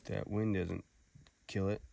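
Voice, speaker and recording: A man's voice: on the low side, level tone, takes it slowly, mellow. A man giving a casual, unscripted outdoor product demonstration, talking in a hesitant, folksy, rambling way with some swearing. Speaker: product reviewer demonstrating fire starting. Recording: clearly noisy outdoor recording with clicks.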